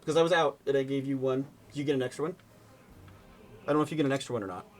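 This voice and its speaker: A man in his forties playing a tabletop wargame and chatting casually, animated, with loud excited outbursts. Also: medium pitch, racing. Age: 40s. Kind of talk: casual banter over a tabletop game.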